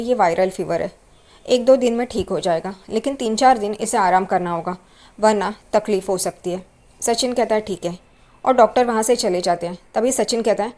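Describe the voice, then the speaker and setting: Woman, retelling a serial episode, slightly high voice, lively quoted lines. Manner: storytelling, voicing quoted lines with lifted energy.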